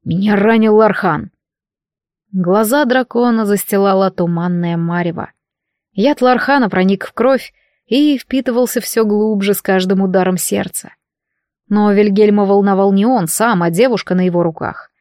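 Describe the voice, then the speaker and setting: A woman reading a fantasy novel aloud in steady storytelling narration. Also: medium pitch, moderate pace, dry recording, studio quality. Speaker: audiobook narrator.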